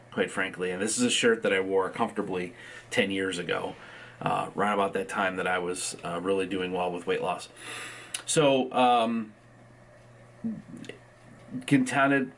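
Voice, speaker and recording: A man's voice: low voice, fairly even intonation, normal speed, fairly bright tone. A man talking casually in a video diary, rambling with frequent ums and uhs, a bit sleepy early in the morning. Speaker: vlogger.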